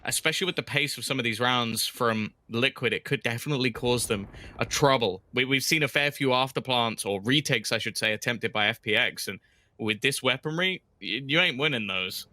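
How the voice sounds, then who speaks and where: A man's voice: medium pitch, fairly quick, sharp tone, no echo. A man giving chatty colour commentary on an esports match, thinking aloud with frequent restarts. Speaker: esports analyst. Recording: broadcast with game noise behind.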